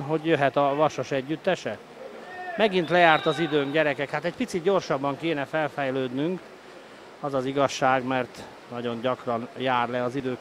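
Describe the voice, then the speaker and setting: A man giving excited, openly partisan live play-by-play sports commentary as he roots for his team. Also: fairly high pitch. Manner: excited, breaking into shouted goal calls. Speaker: sports commentator of a water polo match. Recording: noisy live sports venue ambience.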